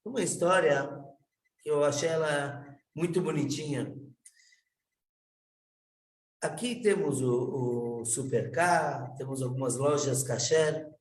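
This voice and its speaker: Echoey rabbi telling a story. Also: male voice, fairly high pitch. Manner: unhurried, animated retelling with halting restarts. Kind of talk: storytelling talk. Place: out and about near kosher shops. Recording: echoey, from a distance.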